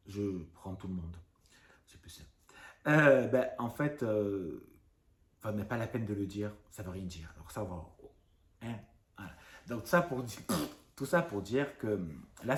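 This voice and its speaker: A man in his thirties from France, a YouTuber ranting casually and talking fast, rambling with many fillers. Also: lowish voice, echoey room. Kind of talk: casual vlog rant.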